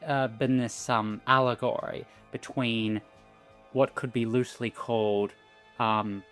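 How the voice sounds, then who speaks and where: A man giving casual analytical commentary as a co-host, halting as he thinks aloud. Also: mid-range voice, fairly even intonation, fairly bright tone, soft background music.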